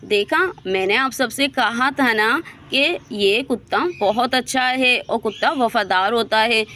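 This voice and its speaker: A woman's voice: on the high side, unhurried, bright, forceful tone. A woman voicing a stubborn young woman who loves her dog, speaking defiantly in a doll story. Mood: proud. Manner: defiant, insistent.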